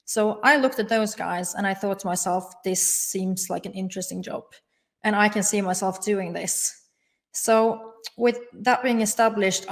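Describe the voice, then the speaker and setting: Woman from norway, young adult, formal careful answers, middle pitch. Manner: measured and formal, with careful connectives. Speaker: guest. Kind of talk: interview answers.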